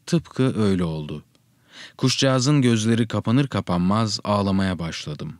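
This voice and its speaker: A man narrating a first-person story in a steady, reflective reading style. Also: fairly low pitch, moderate pace, no room sound, clean studio sound.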